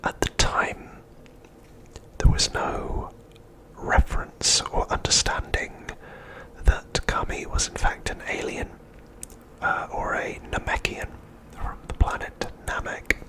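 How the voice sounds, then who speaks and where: The recording quality is low. In it, a man serving as an ASMR host recaps an episode in a breathy, hushed, unvoiced whisper, delivering it deliberately.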